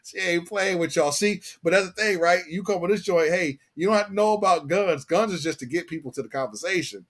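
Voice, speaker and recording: A man's voice: high voice, fairly quick, few pauses, fairly bright tone. An American man hosting a casual live chat, slangy and fond of repeating phrases for emphasis. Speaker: live stream host.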